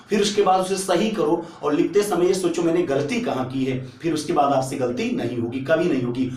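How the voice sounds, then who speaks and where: A man's voice: on the high side, darkish tone. A male teacher giving an exam-prep spelling lesson, repeating each word and asking and answering his own questions. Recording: echoey room, mic at a distance.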